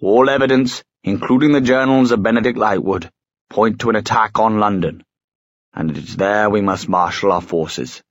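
A man's voice: fairly low pitch, moderate pace, no room sound, highs cut off, close to an everyday voice. A man voicing an angry, defensive council leader who speaks tightly through gritted teeth.

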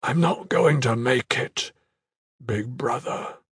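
A man's voice: mid-range voice, husky, dry recording, studio quality. Tremblefist, a man voicing a dying warrior. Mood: weak, earnest. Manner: weak, slow, halting delivery. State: fading, barely holding on. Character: dying wounded male warrior, proud, gentle. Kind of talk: audiobook character voice.

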